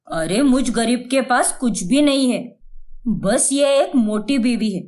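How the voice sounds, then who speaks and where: A woman voicing a timid young husband in a cartoon, who talks in a whiny, complaining way. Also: fairly high pitch.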